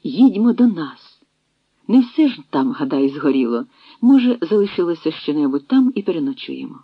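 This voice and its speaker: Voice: medium pitch, big pitch swings, moderate pace, breathy edge, dry recording. A reader voicing an emotional young noblewoman who speaks in eager exclamations, in an audiobook reading. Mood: tender. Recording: dry, dull lo-fi sound.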